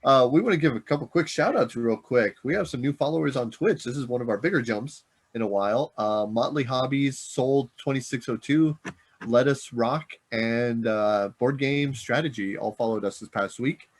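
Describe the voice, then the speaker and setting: A man's voice: mid-range voice, moderate pace. A middle-aged man co-hosting a board game podcast in casual, rambling chat, often correcting himself as he talks. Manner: rambling, self-correcting, chuckling. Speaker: podcast co-host.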